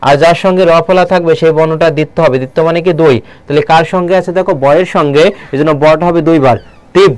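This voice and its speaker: A man teaching a live online Bangla lesson, keeps asking the viewers questions and slows down to read poem lines aloud. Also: fairly high pitch, clear, resonant tone, no echo. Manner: quizzing viewers with repeated questions.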